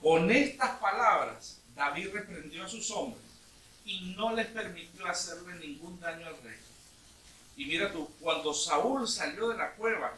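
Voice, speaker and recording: A male pastor preaching a lively sermon, retelling a story with acted-out lines and questions to the congregation. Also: a little high. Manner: lively storytelling, acting out bits of dialogue with sudden loud outbursts. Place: church meeting hall. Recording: echoey room from a distance with faint noise.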